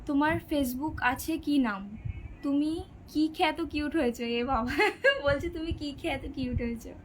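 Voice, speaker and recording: A woman's voice: high voice, normal speed, slight background noise, poor audio. A sixteen-year-old girl chatting on a live stream, reading out viewers' comments and answering their questions. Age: teenager, 16. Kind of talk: casual live-stream chat.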